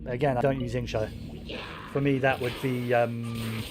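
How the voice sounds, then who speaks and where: Game music fills the background as this man streams, giving laid-back commentary in a mumbling, thinking-aloud way with casual swearing. He speaks at normal speed, his medium-pitched voice showing little pitch movement.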